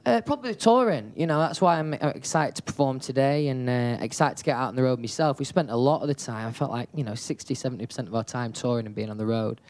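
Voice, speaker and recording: A man's voice: medium pitch, fast, hardly any pauses, a little mellow. A young man answering questions in a casual radio interview, laid-back and hesitant, with lots of fillers. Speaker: interview guest, singer.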